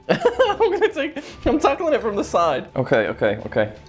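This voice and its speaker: A vlog presenter reacts out loud to eating sour candy over background music. The voice is mid-pitched, chatty and exclamatory, with a giggly streak and plenty of dramatic complaint. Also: huge pitch swings, measured pace. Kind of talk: casual reaction vlog chat.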